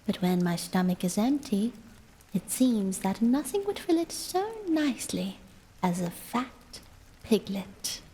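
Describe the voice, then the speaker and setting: A woman voicing a greedy, sly female kitten in a soft, demure, coaxing way, as a whispered role-play in a storybook reading. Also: mid-range voice, lively intonation, measured pace, in a large hall, a little hiss or hum, natural voice.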